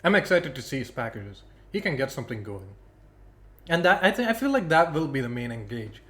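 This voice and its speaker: A man's voice: mid-range voice, very animated, brisk, fairly bright tone. Chatty young man casting a student esports stream. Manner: chatty, self-deprecating, thinks aloud. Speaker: esports caster. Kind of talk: solo livestream commentary.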